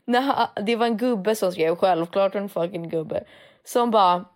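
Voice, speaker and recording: A young woman in a casual conversation, telling her stories with animation. She moves freely between Swedish and English and often reenacts what she and others said. Her voice sits at an ordinary pitch for a woman. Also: darkish tone. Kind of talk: casual chat.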